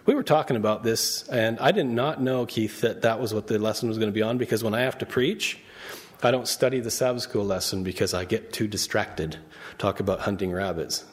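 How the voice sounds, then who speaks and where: A man's voice: on the low side, brisk, husky. A male preacher giving a conversational sermon, often asking the congregation questions and reading verses aloud. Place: church.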